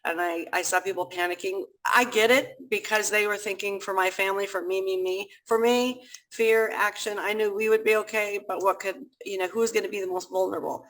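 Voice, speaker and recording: A woman talks through how she started a community food pantry, in a chatty, animated way. She slips into little acted-out quotes of what people said. It sounds like a video call. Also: medium pitch, a little fast, poor audio. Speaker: food pantry founder, guest. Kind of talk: casual interview storytelling.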